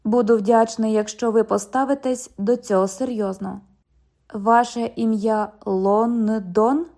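Young male cop, formal and patient, warm, fairly high voice; read by a woman narrator. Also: steady tone, measured pace. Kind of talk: audiobook dialogue reading.

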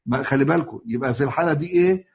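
A man with an Egyptian accent teaches a recitation lesson, his voice very husky and pitched a little high. He drags words out, repeats them and fills pauses with long hesitations. The recording sounds muffled and lo-fi. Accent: Egyptian Arabic. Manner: repeats words slowly, hesitant fillers, urges attention. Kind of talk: explanatory lesson.

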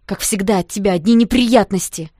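A proud teenage boy with a quick temper, voiced by a woman reading an audiobook. He talks in a hard, demanding, scolding tone, close and dry with no room sound. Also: medium pitch, dark tone, no echo, natural voice. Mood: angry.

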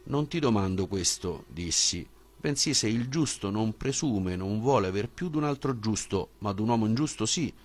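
A male audiobook reader with a very low, deep voice. He reads a philosophical dialogue in a measured, questioning way, posing each point with care. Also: lively intonation.

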